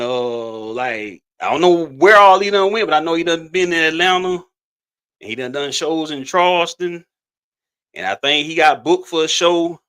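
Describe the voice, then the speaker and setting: A middle-aged man co-hosts a podcast in easygoing, rambling conversation. His voice sits a little high and sounds bright and sharp. He often stumbles and restarts his sentences. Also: clean tone. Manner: laid-back, rambling with repeated restarts and laughter. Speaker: podcast co-host. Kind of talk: casual chat.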